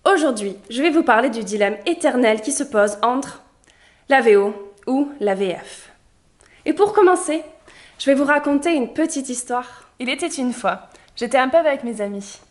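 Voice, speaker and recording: Lively young female vlogger, slightly high voice, conversational storytelling. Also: normal speed. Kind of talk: casual vlog monologue.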